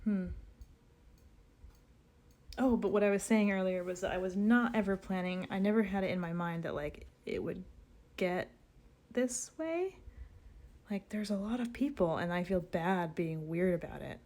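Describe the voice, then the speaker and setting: A woman's voice: fairly low pitch, expressive, moderate pace, pauses often, a little mellow. A young woman, chatting casually and giggling with her live-stream chat. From United States.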